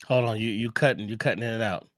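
A man's voice: on the low side, fast, fairly bright tone, no room sound, clean studio sound. A man hosting a podcast interview, chatting casually, prompting his guest and checking the audio levels. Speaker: podcast host.

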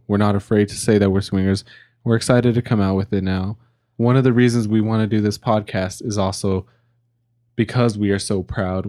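A young man in his early twenties co-hosts a casual podcast while a little drunk, rambling with fillers and restarts. His voice is fairly low and dark, captured as clean studio sound with no room echo.

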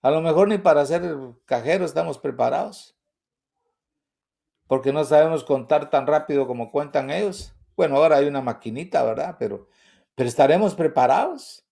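A man's voice: on the high side, animated, normal speed, vocal fry, warm tone. An older man, a pastor, preaching an earnest testimony sermon full of repetition and rhetorical questions.

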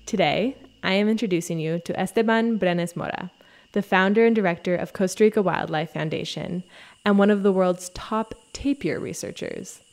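A woman's voice: medium pitch, normal speed, a little mellow, dry recording. Podcast host woman, dry close voice. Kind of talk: scripted narration and interview.

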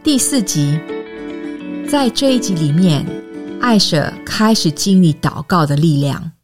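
A woman narrating an episode introduction in a scripted, even way. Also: on the low side, a little slow. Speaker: program narrator. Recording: narration with clear music.

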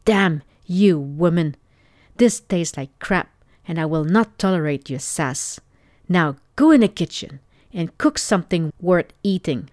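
A woman's voice: lowish voice, lively intonation, measured pace, darkish tone, no echo, clean studio sound. A woman reading the lines of an angry, domineering middle-aged husband who barks harshly. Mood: furious. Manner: barking, harsh.

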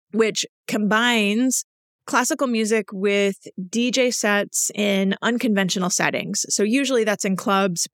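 A woman's voice: medium pitch, no echo, clean studio sound. A woman hosting a podcast, chatting casually and enthusiastically about an event she went to. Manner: enthusiastic, self-described nerd. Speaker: podcast host.

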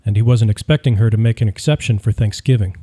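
Very dark-voiced male audiobook narrator. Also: lowish voice, fast, slightly rough. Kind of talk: scripted narration.

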